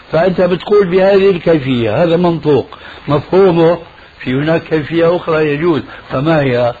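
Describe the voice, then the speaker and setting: A man's voice: mid-range voice, a little hiss or hum. Pressing male scholar on muffled radio. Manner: pressing, argumentative, rhetorical questions. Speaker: religious scholar answering callers. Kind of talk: call-in radio Q&A.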